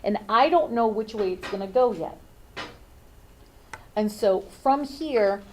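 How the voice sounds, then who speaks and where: A woman's voice: a little high, darkish tone, low-quality recording. Woman teaching math, talking through steps. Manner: thinks aloud, frequent "okay?" check-ins. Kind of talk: classroom math lesson.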